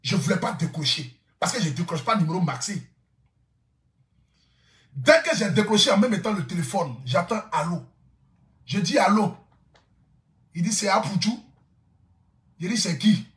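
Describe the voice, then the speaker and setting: A man's voice: high voice, expressive, moderate pace, long pauses, fairly bright tone, reverberant. A man telling a story to camera, laughing often and repeating lines for effect. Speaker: social media influencer.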